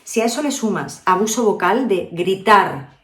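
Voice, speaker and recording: A woman's voice: medium pitch, expressive, moderate pace. A woman from Spain, a vocal coach, giving a chatty video lesson and often checking in with her viewers. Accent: Spain Spanish. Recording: echoey room.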